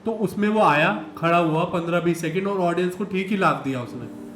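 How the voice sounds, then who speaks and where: A man who is a stand-up comedian, explaining things in a relaxed, matter-of-fact way in a casual podcast chat. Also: sits high, fairly quick, a little hiss or hum. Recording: echoey room.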